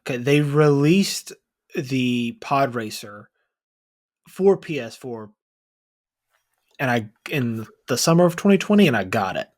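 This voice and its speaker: A man's voice: medium pitch, very animated, measured pace, pauses often, darkish tone. A man co-hosting a movie podcast in casual chat, rambling and playful with many fillers. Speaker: podcast co-host.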